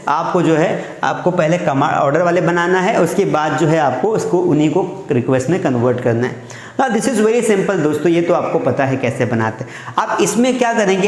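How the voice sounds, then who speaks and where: High-voiced man teaching in an echoey room. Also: a little mellow. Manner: slow, drawn-out enunciation of example sentences; repeats "ठीक है" and "दोस्तों" while addressing viewers. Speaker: spoken English teacher. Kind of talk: classroom lesson, explaining in Hindi with English sentences.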